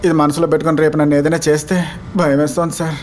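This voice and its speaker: Male comic voice, high and quick, pleading then mocking, film dub with light music under it. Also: level tone, a little mellow, a little hiss or hum. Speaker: comic actor in a dubbed film scene. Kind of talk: dubbed film comedy dialogue. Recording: film soundtrack with music behind.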